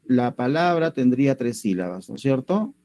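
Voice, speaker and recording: A man's voice: very animated, moderate pace, darkish tone, natural voice. A man voicing an eager student who answers his teacher by calling him professor. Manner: higher voice, addresses "profesor".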